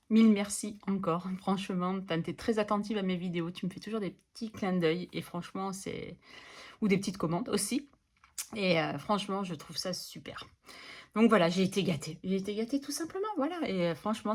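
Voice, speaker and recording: Husky chatty woman budgeting vlogger. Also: fairly low pitch. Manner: chatty, enthusiastic, laughs often. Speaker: budgeting channel host. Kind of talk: casual chat to camera.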